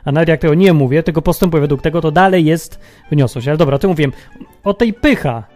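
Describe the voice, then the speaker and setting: A man's voice: fairly high pitch, fast talker, a little mellow, faint music behind. A man hosting a reflective religious monologue, musing aloud and asking many rhetorical questions. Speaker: podcast host.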